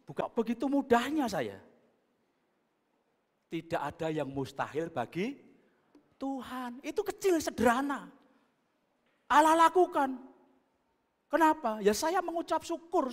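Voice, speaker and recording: A man, a pastor, preaching a sermon. He moves between booming exhortation and quiet, chatty asides. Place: church hall. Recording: long church reverb.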